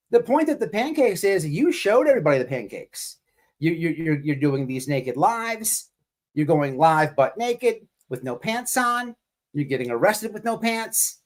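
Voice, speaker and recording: Hosting a livestream, a man with a fairly high-pitched voice offers casual, mocking commentary. His delivery is profane, repetitive, and rambling.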